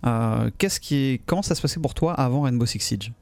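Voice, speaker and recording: A man's voice: medium pitch, fairly quick, creaky, a little mellow, no echo. A man hosting a casual interview podcast, speaking in a chatty, teasing way. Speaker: podcast host.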